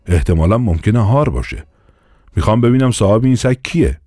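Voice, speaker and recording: A man's voice: fairly low pitch, animated, dark tone, no room sound, clean studio sound, soft background music. A man voicing a pompous, bullying police inspector in an audiobook, blustering and commanding. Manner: blustering, commanding, quick to turn. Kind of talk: audiobook character voice.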